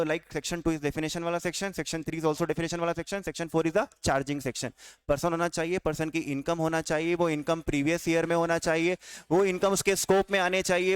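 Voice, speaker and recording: A man's voice: a little high, flat delivery, moderate pace, clear, resonant tone, dry recording, clean studio sound. A man teaching a tax law class with an Indian accent, quizzing students and answering his own questions. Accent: Indian English. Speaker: tax lecturer. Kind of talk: classroom lecture.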